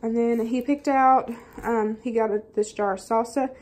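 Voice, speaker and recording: A woman's voice: a little high, steady tone, moderate pace, darkish tone. A Southern American woman chatting casually through a grocery haul at her kitchen table, saying lots of "um" and "y'all". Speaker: vlogger. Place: home kitchen table, indoors.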